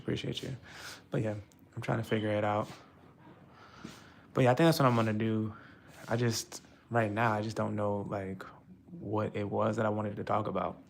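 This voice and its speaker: A man's voice: fairly low pitch, flat delivery, brisk, creaky, a little hiss or hum. A young man from the United States talking casually and frustratedly on a live stream, rambling with many fillers.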